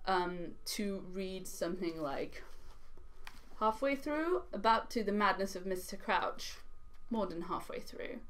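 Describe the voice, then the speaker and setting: Chatty young French woman book vlogger. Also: medium pitch. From France. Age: young adult. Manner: chatty, animated, frequent ums and uhs. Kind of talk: casual chat to camera. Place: small indoor living room by a fireplace.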